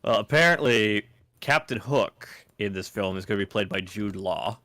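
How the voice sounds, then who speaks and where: A man's voice: fairly low pitch, lively intonation, moderate pace, pushed and bright, no echo. A man in a casual chat while a game is played, talkative and opinionated about movies.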